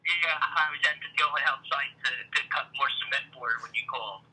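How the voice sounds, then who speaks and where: A man heard over a speakerphone in a casual phone chat, talking haltingly with many fillers. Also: mid-range voice, pushed and bright, a little hiss or hum, low-quality recording. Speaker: husband called on the phone.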